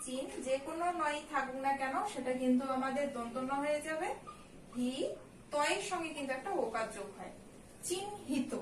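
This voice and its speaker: High-voiced woman teaching in an echoey room. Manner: slow, explains step by step and checks in with "কেমন?". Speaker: college Bangla teacher. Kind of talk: recorded online lesson. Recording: echoey room, distant mic, faint ambient noise.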